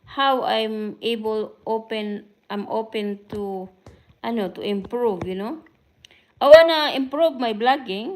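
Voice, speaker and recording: Speaking with a Filipino accent, this middle-aged vlogger from the Philippines runs a casual livestream where she welcomes commenters by name and mixes in Filipino. Her mid-range voice carries vocal fry, and she describes herself as talking fast. Audio quality is poor.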